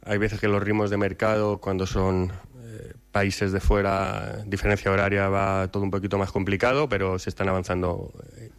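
A man speaking as a club representative, giving a formal, measured press-conference statement with hesitations. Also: low voice, flat delivery, clear, resonant tone. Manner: measured, hesitant with fillers and restarts.

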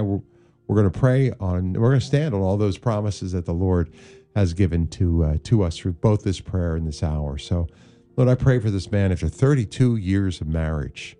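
Smooth, mellow-voiced male radio host. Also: fairly low pitch. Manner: leads prayers in a call-and-response chant. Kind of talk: hosting a call-in prayer show.

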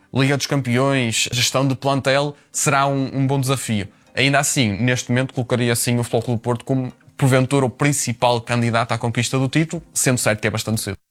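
A man gives measured analysis on a sports radio panel. He weighs his points carefully, hedging and pausing on fillers. His voice sits in the middle pitch range. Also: fairly bright tone. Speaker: sports commentator.

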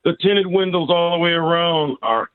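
A male radio caller talking over a phone line that keeps breaking up, speaking in a halting way with many pauses. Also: on the high side, clean tone, no echo. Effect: phone call line.

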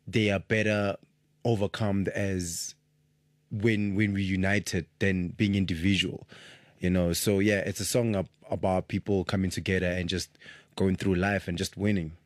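Young man explaining in a low voice. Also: little pitch movement, dry recording. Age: 20s. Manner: measured, reflective explaining. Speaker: musician guest. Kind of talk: casual interview answers.

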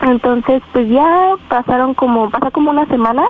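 A woman's voice: sits high, normal speed. A teenage girl with a Mexican accent calling in to a radio show, hesitant and full of fillers. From Estado de México. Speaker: caller. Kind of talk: telling her story to a radio host. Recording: tinny phone line with faint noise.

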